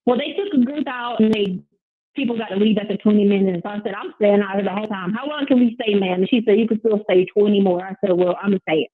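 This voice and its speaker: A woman's voice: medium pitch, fast talker, dry recording. A woman from Carolina calling from jail and chatting casually over a prison phone line, telling stories full of quoted back-and-forth.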